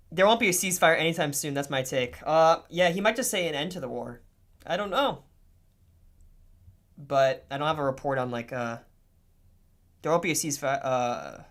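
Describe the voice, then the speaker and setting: A young man livestreaming casual commentary, swearing freely and swinging between low mutters and excited outbursts.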